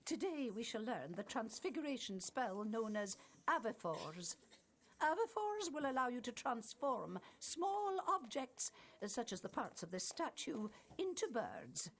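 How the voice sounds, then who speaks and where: A stern magic school professor, giving a lesson in a video game cutscene. Her voice sits fairly high and moves lively through its range, the delivery formal and measured like a teacher addressing a class. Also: a little hiss or hum. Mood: formal instructive.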